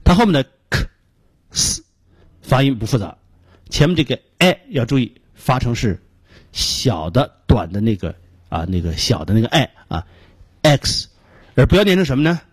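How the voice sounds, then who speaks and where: This is a middle-aged man with a Beijing Mandarin accent teaching a radio pronunciation lesson. His voice is a little husky, and it sounds dry and close to the mic. He explains patiently, drops in small filler sounds between phrases, and his pitch moves up and down a lot. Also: very animated, dry recording. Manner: explains patiently, demonstrates sounds slowly and repeats them.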